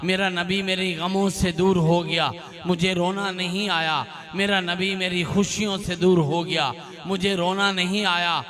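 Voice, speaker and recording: A man delivers a fiery sermon in a high voice, slow and deliberate, stacking line after line of repeated refrains. His voice climbs into fervent bursts. Behind him a crowd murmurs across the gathering. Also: fairly even intonation. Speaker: preacher. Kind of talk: impassioned religious sermon. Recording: crowd noise at a public gathering.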